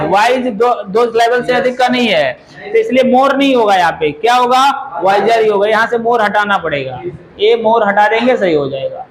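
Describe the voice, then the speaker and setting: High-voiced male teacher in an echoey classroom. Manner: explains patiently, asks the class questions. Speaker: English teacher.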